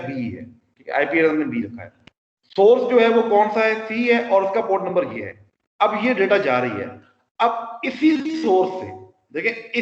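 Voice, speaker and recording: High-voiced male lecturer in an echoey hall. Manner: explains step by step with rhetorical questions; mixes English technical terms into his speech. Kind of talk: classroom lecture. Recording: roomy hall sound, dull lo-fi audio.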